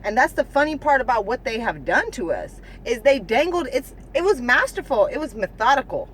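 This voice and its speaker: A woman's voice: high voice, moderate pace, slight background noise. A woman vlogger ranting casually to her viewers, swearing a lot, restarting her sentences and asking "you know what I'm saying" again and again. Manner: restarts and stumbles, animated. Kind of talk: casual rant to camera.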